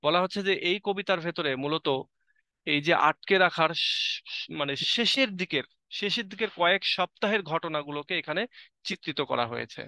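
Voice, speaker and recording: A young man giving a casual literature lecture, reading lines slowly from a text, then explaining them in a chatty way with many fillers. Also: fairly high pitch, animated, pushed and bright, no room sound. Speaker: literature teacher.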